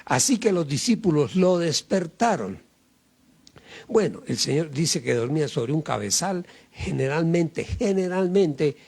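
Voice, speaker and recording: A man preaching a sermon in a slow, deliberate way that leans hard on key words. His voice sits a little high, with a gravelly, husky edge, and his pitch rises and falls with lively emphasis. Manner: slow, emphatic preaching with many pauses and fillers. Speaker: pastor.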